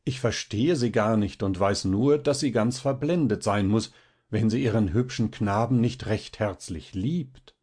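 A man voicing a kindly, doting older village pastor who speaks in an earnest, unhurried way. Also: lowish voice, lively intonation, a little mellow, slightly rough, full character voice.

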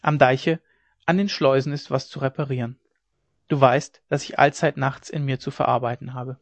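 A man reading the part of a stern, worried middle-aged dike reeve in a grave, measured voice. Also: medium pitch, fairly even intonation, dry recording, close to an everyday voice. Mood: weary. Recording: dry, dull lo-fi recording.

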